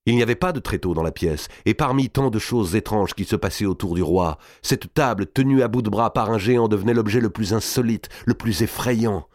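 A man reading a historical novel aloud in a dramatic, measured narration. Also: fairly low pitch, darkish tone, no room sound, clean studio sound.

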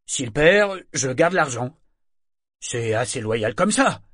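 A man's voice: on the high side, lively intonation, a little slow, no echo, clean studio sound, voice pushed up. A man voicing a cornered bear trainer who bargains insistently with a crowd.

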